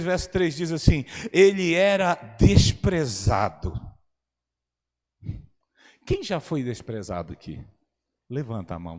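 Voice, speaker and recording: A man preaching a sermon as pastor, animated and rising to loud exclamations, in a church hall. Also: on the high side. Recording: long church hall reverb.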